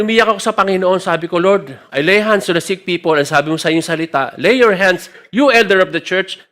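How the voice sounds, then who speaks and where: A man's voice: a little high, pushed and bright. A man from the Philippines preaching a sermon, giving an emotional personal testimony and switching between Tagalog and English. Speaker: church elder preaching.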